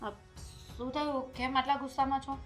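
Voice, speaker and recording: An actress playing a meek daughter-in-law who hesitantly tries to calm her strict mother-in-law. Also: high voice, brisk, soft background music. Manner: hesitant, soft, placating. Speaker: actor in a short film. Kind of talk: family drama acting.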